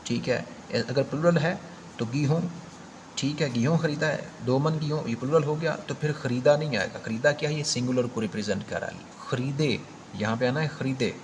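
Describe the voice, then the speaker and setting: A man's voice: mid-range voice, a little hiss or hum. A man with a Pakistani accent teaching an exam prep grammar lesson, explaining step by step and repeating key points with emphasis.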